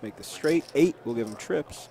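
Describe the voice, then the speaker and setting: Low-key man calling a live poker game. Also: expressive, normal speed, vocal fry, warm tone. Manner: low-key, hesitant, clipped play-by-play phrases. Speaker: poker stream commentator. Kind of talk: live poker commentary and chat.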